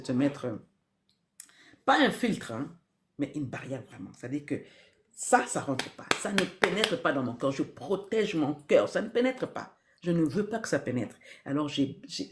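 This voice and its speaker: A woman with a low-pitched, darkish voice gives earnest spiritual advice over a live stream. She tends to repeat key phrases and ask rhetorical questions.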